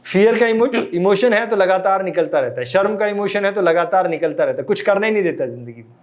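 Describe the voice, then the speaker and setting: A man's voice: high voice, expressive, a little fast. A man lecturing a live class, often quizzing his listeners and mixing in English phrases. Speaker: meditation and emotions teacher.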